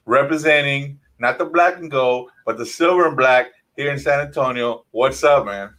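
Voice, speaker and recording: A man's voice: medium pitch, normal speed, fairly bright tone, rough recording. A man hosting a casual interview, laid-back and peppering his questions with man. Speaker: host.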